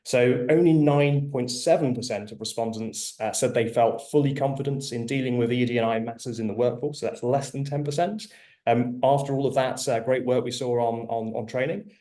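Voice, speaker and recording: Halting male webinar moderator, mid-pitched. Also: dark tone. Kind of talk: informal hosting of an online panel.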